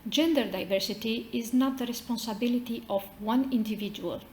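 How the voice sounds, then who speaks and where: A woman's voice: on the high side, fairly quick, darkish tone. Romanian-accented woman giving a speech, roomy echo. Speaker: maritime association representative, speaker. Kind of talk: prepared formal speech. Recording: roomy echo with faint noise.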